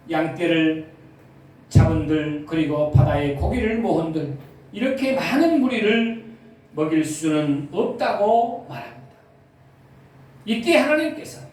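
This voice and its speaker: A man's voice: fairly high pitch, darkish tone, a little hiss or hum. A male pastor preaching a sermon, asking the congregation questions as he goes. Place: church sanctuary. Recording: echoey church sound from far off.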